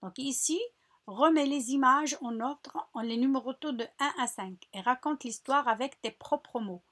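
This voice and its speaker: Patient woman teacher, husky voice. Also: sits high, fairly bright tone. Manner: slow, patient, repeats and spells out syllables. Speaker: primary school teacher. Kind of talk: recorded lesson walkthrough.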